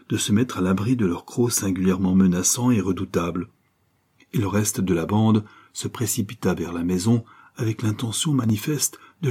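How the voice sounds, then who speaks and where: A man narrating an old adventure novel aloud in a measured, dramatic way. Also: fairly low pitch, mellow, breathy edge. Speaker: audiobook narrator. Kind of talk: scripted storybook narration.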